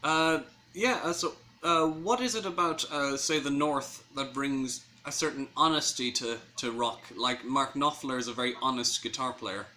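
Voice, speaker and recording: A man's voice: mid-range voice, moderate pace, few pauses, bright, forceful tone, a little hiss or hum. A man interviewing a guest with casual, conversational questions.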